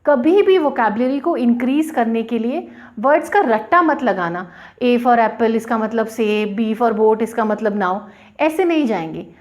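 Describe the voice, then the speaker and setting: Slow, lively-pitched woman teaching English. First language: Hindi. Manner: slow, deliberate, spells out letters and syllables. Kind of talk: bilingual classroom explanation.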